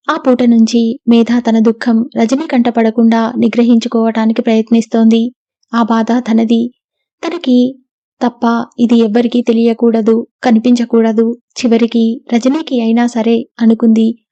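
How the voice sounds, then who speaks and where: Woman narrating a novel in a flat, mellow tone. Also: fairly high pitch, dry recording. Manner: steady, even storytelling. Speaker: audiobook narrator. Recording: dull lo-fi dry recording.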